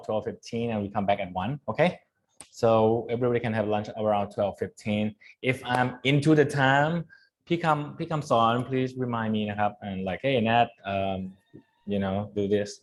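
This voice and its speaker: A man with a Thai accent leading an online training session, chatting informally and switching between Thai and English. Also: mid-range voice.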